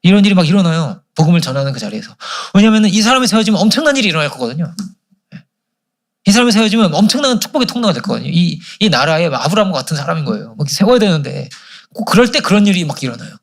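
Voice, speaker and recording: A male pastor delivers a sermon at a church service, firing off questions to the congregation and answering them himself. His voice sits a little high and swings widely in pitch. He talks at a quick clip. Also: sing-song, gravelly.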